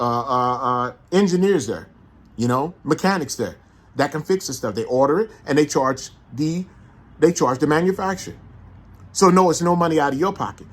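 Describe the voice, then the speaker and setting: A man with a St. in a casual, animated monologue, making his points with repeated rhetorical questions. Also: mid-range voice, a little hiss or hum. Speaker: vlogger.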